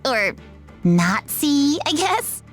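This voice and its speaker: A woman voicing a bubbly, teasing young female ninja in a video game, excitable and theatrical. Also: high voice, drawn-out words, soft background music, full character voice. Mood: playful. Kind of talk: video game character voice lines.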